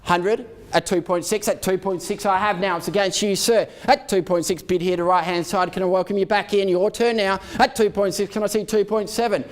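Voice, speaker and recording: A man with a high-pitched voice calls a live auction as the auctioneer. He repeats figures in short rhythmic phrases and addresses the bidders formally and courteously. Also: fairly even intonation, a little fast, hardly any pauses. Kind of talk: live property auction calling.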